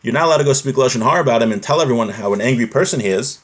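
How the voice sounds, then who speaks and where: Rapid-fire and expressive, a medium-pitched male voice moves between Hebrew quotations read from a text and plain explanations of them. It's a casual lesson in religious law, punctuated by rhetorical questions.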